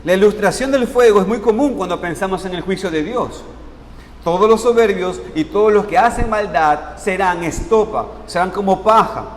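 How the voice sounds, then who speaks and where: High-voiced pastor preaching in a hall. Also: male voice. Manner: asks the congregation questions and answers them; slows down to stress key words. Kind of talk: sermon. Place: church sanctuary. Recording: long reverb in a church hall, faint noise.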